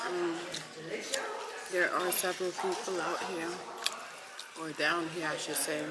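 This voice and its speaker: A woman's voice: fairly low pitch, little pitch movement, unhurried, a loud crowd. A woman vlogger chats casually to her viewers while eating, chewing between phrases. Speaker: vlogger hosting a mukbang. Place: busy hotel breakfast dining area. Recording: noisy room with clattering dishes and cutlery.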